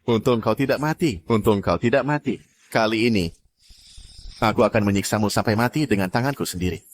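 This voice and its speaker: A man's voice: fairly low pitch, a little fast, a little hiss or hum, natural voice. A man dubbing a cruel, arrogant young clan heir who sneers and threatens. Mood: menacing. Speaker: villain. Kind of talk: dubbed drama acting.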